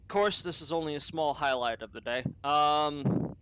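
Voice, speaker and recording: The recording is rough, though the man's fairly high, slightly bright voice sounds clean with no room sound, at normal speed. He hosts an unscripted opinion podcast, holding forth in a profane, rambling monologue with frequent restarts and tangents.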